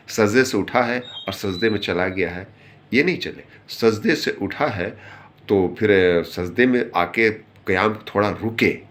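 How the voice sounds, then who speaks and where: Man, very low voice, informal religious talk, earnest, explanatory, repeats for emphasis. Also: fairly bright tone, a little hiss or hum. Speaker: speaker giving religious advice.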